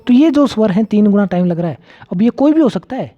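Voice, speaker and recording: A man delivers an exam-prep grammar lesson in a very dark, mellow voice. He repeats each key term several times and poses questions he answers himself. The audio is slightly dull and lo-fi. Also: sits high, expressive, fast. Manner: repeats key terms, asks and answers his own questions. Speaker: teacher.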